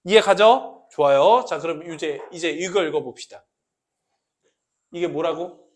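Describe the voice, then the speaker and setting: A man teaches a math class, often asking students questions and repeating key points as he explains. His voice is fairly high and his pace a little slow.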